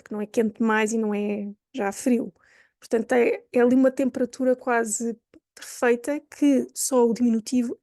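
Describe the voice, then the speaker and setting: A woman's voice: on the high side, mellow, no room sound, studio quality. A woman from Portugal with a Lisbon accent, teaching in a chatty way that thinks aloud, with restarts and asides. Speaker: language teacher. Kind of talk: explaining lesson to camera.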